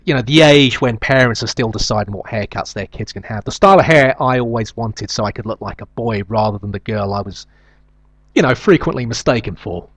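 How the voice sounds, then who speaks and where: A man's voice: on the low side, fairly bright tone, breathy edge, dry recording. A middle-aged man with a nasal South London accent, hosting a show with a rambling, hesitant, self-deprecating comic monologue. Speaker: show host.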